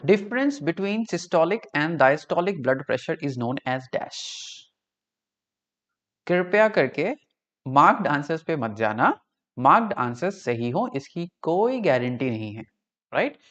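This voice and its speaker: A young Indian man runs an online class, drifting between Hindi and English and checking in with his students. He speaks slowly, with a slightly raised pitch, and the audio is a little dull. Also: sing-song, fairly bright tone. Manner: mixes Hindi and English, chatty, checks in with "right?". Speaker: online tutor.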